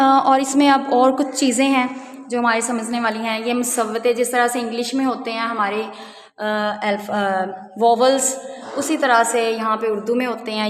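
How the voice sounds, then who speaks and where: Slow, patient woman teaching letters. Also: fairly high pitch, in a large hall. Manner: patient, spells out letters one by one. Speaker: Urdu teacher.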